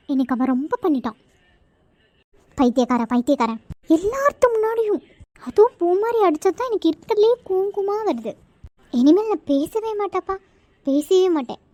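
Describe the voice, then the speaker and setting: A woman's voice: sits high, warm tone, no room sound. A woman voicing a devoted young college woman who talks earnestly and sulkily in an amateur audio drama. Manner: earnest, sulky, insistent.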